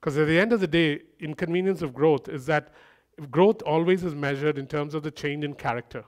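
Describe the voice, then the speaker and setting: A man with a fairly high voice preaches a sermon in a relaxed, conversational way. He slips in humorous asides and builds his points by repeating phrases. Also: fairly quick.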